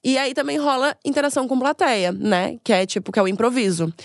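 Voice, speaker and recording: A woman from Brazil, a stand-up comedian, chatting as a guest and telling lively stories with acted-out asides. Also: on the high side, fairly quick, no echo, clean studio sound. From Florianópolis, Brazil. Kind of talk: casual interview chat.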